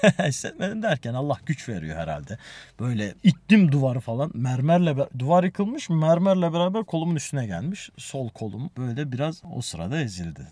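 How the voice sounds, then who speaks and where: A man's voice: medium pitch, a little mellow, husky, dry recording. A young man telling his own story in a casual, emotional way, building in intensity as he relives it.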